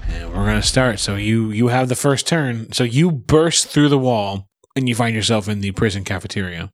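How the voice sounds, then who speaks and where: A man's voice: on the low side, lively intonation, normal speed, a little hiss or hum. A man narrating a tabletop game as game master, often laughing.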